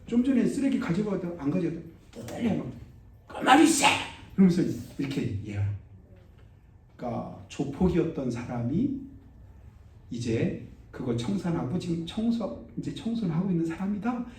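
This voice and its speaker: A man preaching a sermon as pastor. He tells stories vividly, acts out the people in them, and rises to loud exclamations. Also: a little high, moderate pace. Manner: animated storytelling, acts out quoted voices, rises to loud exclamations. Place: church sanctuary. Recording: roomy church from a distance.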